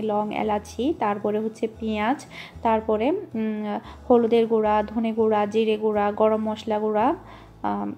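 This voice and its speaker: A woman's voice: a little high, dark tone. A woman vlogger from Bangladesh chatting casually while she cooks in her home kitchen, in a homely, rambling way. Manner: chatty, homely, with frequent fillers. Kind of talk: casual cooking vlog narration.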